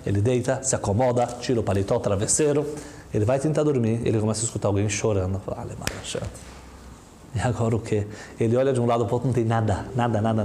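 A man telling a story in an animated way, acting out the dialogue. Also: mid-range voice, slight background noise.

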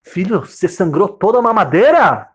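A man's voice: sits high, very animated, normal speed, slightly rough, highs cut off, voice pushed up, heavily acted. A man voicing a grumpy, sleepy Egyptian father who speaks in an exasperated, raised voice, acted out during a storytold lesson.

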